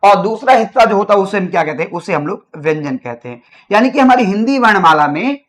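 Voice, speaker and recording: Guy teaching a grammar class online, asks then answers his own questions, repeats stuff a lot, slows down for notes. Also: sits high, lively intonation, fairly bright tone. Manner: repeats key phrases.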